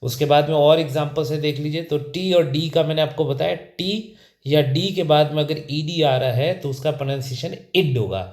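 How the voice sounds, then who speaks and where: A man's voice: fairly high pitch, a little mellow, echoey room. A man teaching an English pronunciation lesson, often asking a question and then answering it himself. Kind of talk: spoken lesson.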